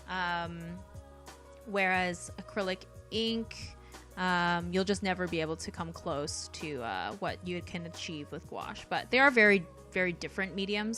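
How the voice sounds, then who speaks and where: Young woman, art livestream host, casual soft chat, mid pitch, light laughs, faint background music. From Canada. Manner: soft-spoken, many ums, light laughs, brightens when thanking viewers. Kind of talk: casual chat while drawing, reading viewer comments.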